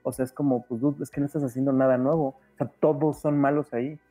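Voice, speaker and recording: A man's voice: mid-range voice, steady tone, quick pace, dark tone, soft background music. A man, a guest on a podcast, talking at length in a casual discussion and thinking aloud with plenty of fillers. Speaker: guest film commentator.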